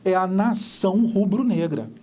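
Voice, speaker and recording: A man's voice: high-pitched, a little slow, mellow. A man with a Carioca accent teaching a geography lecture in a conversational way, asking rhetorical questions as he explains. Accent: Carioca Brazilian Portuguese. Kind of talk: recorded lecture.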